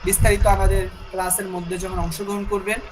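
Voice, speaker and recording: A man teaching an online language lesson, slowly repeating phrases so learners can follow. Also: high-pitched, flat delivery, music in the background. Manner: slow repeating of phrases to drill them. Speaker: Arabic teacher. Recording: noisy background.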